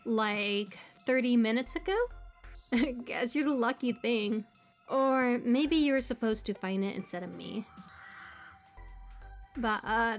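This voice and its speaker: Voiced by an actress over music, a quirky young woman chats in a high pitch during a casual audio roleplay. Playful and eager, she rambles with bubbly energy like a friendly small-town local.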